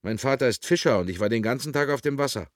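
A man voicing a small freckled fisherman's boy who talks quickly and eagerly in a raised voice. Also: medium pitch, animated, no echo, pitched above the performer's own voice, lightly acted.

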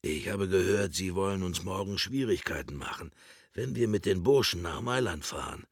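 A man voicing a gruff scarred man who leads a group of boys, talking low and curt. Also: moderate pace, no echo, studio quality, full character voice. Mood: hushed. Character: gruff scarred man, leader of the child transport.

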